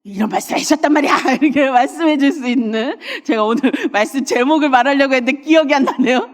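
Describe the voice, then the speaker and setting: Woman pastor preaching, high voice, playacts people's thoughts, big echoey church. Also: brisk. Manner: animated, acts out listeners' inner thoughts, laughs often. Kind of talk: sermon. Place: church sanctuary. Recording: long church reverb.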